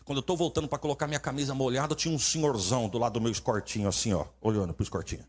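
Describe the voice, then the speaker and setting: A man with a Brazilian accent preaching as a traveling pastor. He tells funny stories in an animated way and acts out the dialogue in different voices. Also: medium pitch, very fast. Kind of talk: humorous storytelling sermon.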